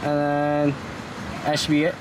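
A man's voice: on the high side, monotone, unhurried, background noise. A man in a car at a drive-through, politely ordering a meal and repeating it when asked. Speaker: vlogger.

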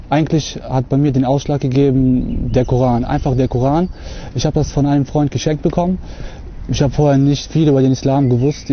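A young Russian man with a medium-pitched voice speaks earnestly but hesitantly to camera while standing on a lawn outdoors, filling his testimony with many filler sounds. The close camera mic gives slightly dull lo-fi audio with slight background noise.

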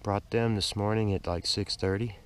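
An older man casually narrating his metal detecting outdoors on a lakeside beach, easygoing and excited at each find, recorded on a body-worn camera. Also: lowish voice, moderate pace, smooth. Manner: easygoing, excited exclamations at finds. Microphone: action camera worn on the body.

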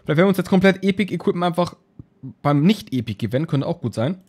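A man's voice: on the high side, expressive, fast talker, darkish tone, breathy edge. A man giving casual, rambling commentary on a game he is playing, often repeating words as he browses items. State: yawning, just woke up. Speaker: let's play host.

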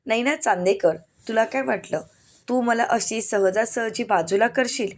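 A woman's voice: fairly high pitch, a little slow. A woman reading as a bitter, vengeful young man.

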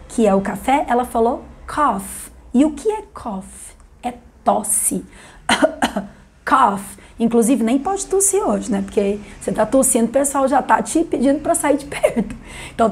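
A woman from Brazil, an English teacher, chatting through a video lesson and slowly repeating English words for emphasis. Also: fairly high pitch, darkish tone.

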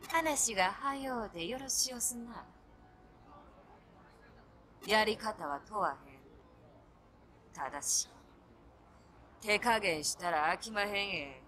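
Bright, genteel Kyoto Japanese hacker girl. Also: medium pitch, slow, pauses often, a little hiss or hum. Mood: coolly threatening. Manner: genteel Kyoto dialect with archaic courtesan-style phrasing. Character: young female hacker second-in-command, polite but menacing. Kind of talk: video game voice acting.

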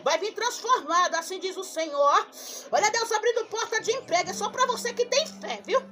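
A woman's voice: very high voice, moderate pace, bright, forceful tone. A woman missionary leading a fervent prophetic prayer, breaking into tongues and calling listeners by name. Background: worship music.

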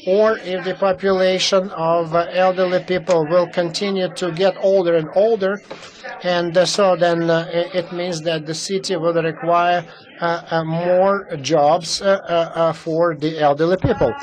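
Male simultaneous interpreter, fairly high pitch, halting delivery full of fillers. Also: flat delivery, poor audio. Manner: halting, many fillers and restarts. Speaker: conference interpreter.

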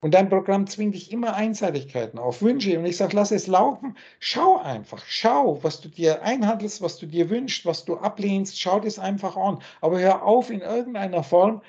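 A man lectures over a video call with a husky, darkish voice, scolding and preachy, often blunt to the point of crude. The call audio is dull and lo-fi, its highs rolled off. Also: animated, normal speed, hardly any pauses, a little mellow. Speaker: spiritual teacher.

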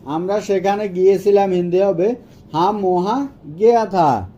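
A man teaching a language lesson, his voice high but deeply mellow. He takes his time and repeats every phrase carefully, and the recording sounds a little dull and lo-fi. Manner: repeats each phrase slowly and clearly. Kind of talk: Hindi lesson for Bengali speakers.

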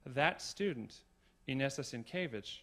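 A middle-aged man, a university provost, giving a formal tribute speech in a concert hall, measured with gentle humor. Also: mid-range voice, animated.

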